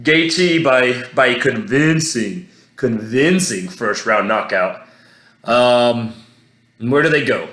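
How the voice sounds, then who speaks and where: A man hosting his own show, recapping a fight in a casual, rambling monologue, excitable and swearing freely, with lots of restarts. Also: medium pitch, takes it slowly, reverberant. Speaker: podcast host.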